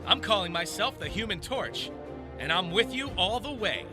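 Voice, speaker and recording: Man as very high-pitched excitable young hero. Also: moderate pace. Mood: eager. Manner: excitable, exclamatory. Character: excitable, hot-headed young male flying hero. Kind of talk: dramatized comic book acting. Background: music.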